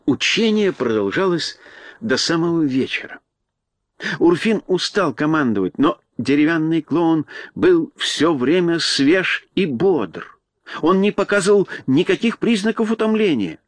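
A man reading a children's storybook aloud in expressive scripted narration. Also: a little high, measured pace, dry recording. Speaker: audiobook narrator.

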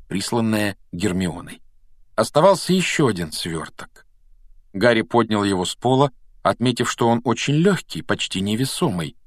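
A man reading an audiobook aloud, with measured, expressive storytelling narration. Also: on the low side, no room sound, studio quality. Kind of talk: scripted narration.

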